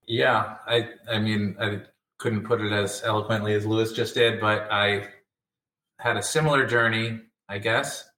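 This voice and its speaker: A man guest on a casual panel, rambling with halting restarts, speaking in a room he shares with other guests. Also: fairly low pitch, fairly even intonation, sharp tone, recorded from a distance. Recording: echoey room, off-mic.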